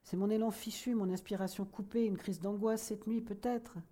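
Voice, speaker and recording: A woman voicing a vain, irritable middle-aged novelist who lectures pompously and flares up quickly. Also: mid-range voice, warm tone, voice pushed up, lightly acted. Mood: furious.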